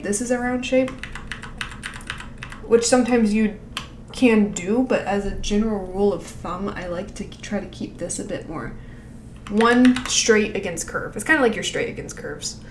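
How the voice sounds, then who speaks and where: A woman's voice: mid-range voice, a little hiss or hum. Woman mentor talking through animation notes, lots of um and like, roomy echo. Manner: rambling, filler-heavy, laughs often. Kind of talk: casual critique over a screen share.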